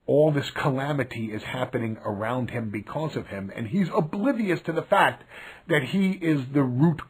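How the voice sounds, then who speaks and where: A man telling a lively anecdote aloud, rising to shouts at the high points. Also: husky, poor audio. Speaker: storyteller.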